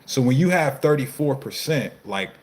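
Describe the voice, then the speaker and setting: A man in his thirties, a fitness coach, speaks with a medium-pitched, expressive voice at normal speed. He hosts a casual live Q&A, reading out viewer comments and replying in a loose, slangy, profane way.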